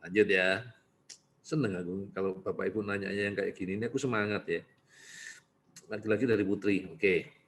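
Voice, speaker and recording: A man's voice: deep voice, moderate pace, long pauses, slight background noise. A man, a doctor, answering parents' questions in an online consultation, chatty and teasing, often tagging his sentences with a questioning "ya". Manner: lively, talkative, frequently adding "ya" tags. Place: clinic.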